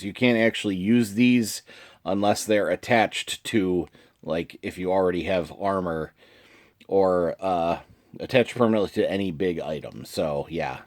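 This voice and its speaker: A man with a lowish, sniffly voice hosts a video casually, affected by allergies. He reads card text aloud, chats informally in between, and clears his throat here and there.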